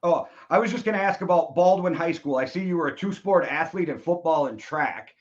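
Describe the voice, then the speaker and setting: A man's voice: a little high, animated, a little fast. A man from Wisconsin hosting a casual interview, eager and chatty as he asks questions. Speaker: podcast host. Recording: dull lo-fi sound.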